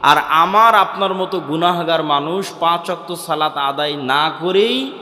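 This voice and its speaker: A man's voice: a little high, a little slow, sharp tone. A man with a Bangladeshi Bengali accent preaching a sermon, asking questions and answering them himself. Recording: echoey hall.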